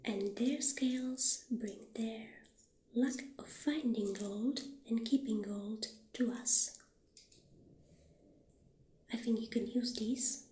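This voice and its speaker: In this ASMR roleplay, a woman with a fairly high pitch takes on the role of a kind witch running a shop, presenting potion ingredients. She speaks breathily and softly, frequently close to a whisper, with a gentle, slow, hesitant manner. Faint noise and a roomy echo are audible.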